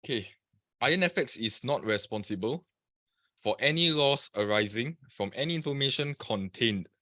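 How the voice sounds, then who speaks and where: A man's voice: mid-range voice, lively intonation, moderate pace, bright, forceful tone, no room sound, clean studio sound. A man from Singapore presenting a live trading webinar, chatting and greeting viewers by name over a computer mic.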